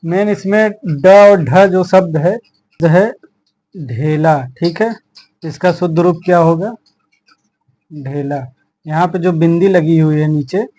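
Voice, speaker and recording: A man with a Hindi accent from Uttar Pradesh teaches an exam-prep grammar lesson. His voice sits fairly high and he speaks very slowly, going through each word with a steady, patient rhythm. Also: low-quality recording. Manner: slow, explaining words one by one with repeated "theek hai".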